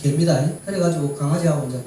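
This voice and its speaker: Lively storyteller man, echoey room. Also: fairly high pitch, very fast. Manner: lively, chatty, animated retelling. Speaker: storyteller for older women. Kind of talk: folk-tale storytelling talk. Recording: echoey room, distant mic, faint hiss.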